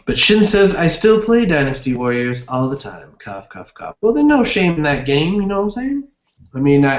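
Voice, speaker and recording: Rambling young man on a roomy webcam. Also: mid-range voice. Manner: rambling, upbeat, many fillers. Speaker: livestream host. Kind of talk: casual gaming chat reading live comments. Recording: roomy, dull lo-fi webcam audio.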